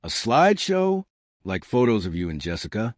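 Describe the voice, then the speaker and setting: A cheerful, accommodating restaurant manager, as a male narrator puts him on, a little brighter than the storyteller's own voice. The voice stays lively and rises in pitch when he asks something. The recording is dry and close. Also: moderate pace, no echo. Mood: friendly.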